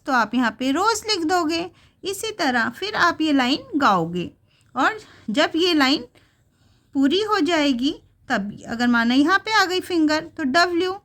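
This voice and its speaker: A woman teacher taking young children through a textbook lesson, reading the English slowly and then explaining it in Hindi. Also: sits high, pushed and bright.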